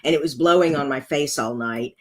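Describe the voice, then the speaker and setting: Speaking briskly in a rumbling low voice, a woman with a rough, congested sound hosts a laid-back card-making tutorial, chatting through each step as she works.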